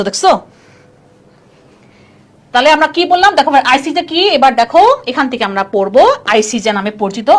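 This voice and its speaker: A young woman teaching a live online class, chatty and constantly checking in with students. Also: sits high. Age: young adult. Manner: chatty, quizzing students with "clear?". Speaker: admission test tutor.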